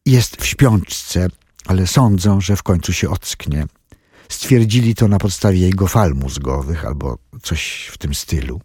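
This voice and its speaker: A caring wife, read by a male narrator, speaks quietly and reassuringly. The voice is husky and dark, recorded close and dry. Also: deep voice, a little slow, no echo. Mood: quiet reassurance. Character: caring woman, the injured man's wife.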